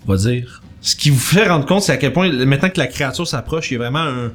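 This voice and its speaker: A man's voice: mid-range voice, expressive, quick pace, a bit bright. A man with a Québécois accent running a tabletop game, narrating with frequent laughs and restarts. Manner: chatty, laughs often, stumbles and restarts while narrating. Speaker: game master.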